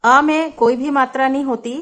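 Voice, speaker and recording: Teaching young children, a woman speaks in a fairly high, fairly bright voice with fairly even intonation and a moderate pace. She is patient in her explanations and stretches every example word so it's easy to hear.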